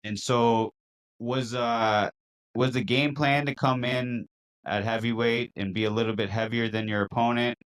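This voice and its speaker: A man's voice: medium pitch, fairly even intonation, unhurried, fairly bright tone, clear, resonant tone, poor audio. A man interviewing a fighter, asking casual, friendly questions with some fillers.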